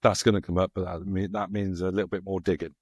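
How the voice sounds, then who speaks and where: Casting: man, host reading pub-quiz questions, very low voice, dry close sound. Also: little pitch movement, fast talker, a little mellow, husky, no echo. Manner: asks quiz questions, laughs easily. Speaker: podcast host running a quiz. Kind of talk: casual chat.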